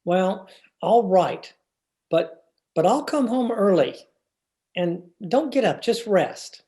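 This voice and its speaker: In an old-time radio comedy, a man plays an earnest, flustered husband who sounds worried. He speaks slowly and hesitantly in a dark-toned voice with lively intonation, his pitch swooping widely when exasperated.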